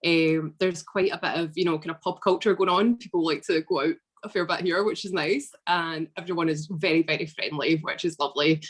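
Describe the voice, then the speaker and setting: A woman's voice: sits low, a little fast, hardly any pauses. A young Scottish woman in her twenties, chatting casually as a podcast guest with lots of fillers. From Scotland. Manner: chatty, relaxed, frequent fillers. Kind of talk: casual interview.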